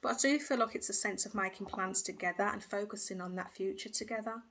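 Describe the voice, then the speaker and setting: A woman's voice: mid-range voice, quick pace, fairly bright tone. A woman giving a casual tarot reading, talking intuitively and hesitantly with restarts and "I feel" phrases. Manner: hesitant, hedging with frequent fillers and restarts. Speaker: tarot reader.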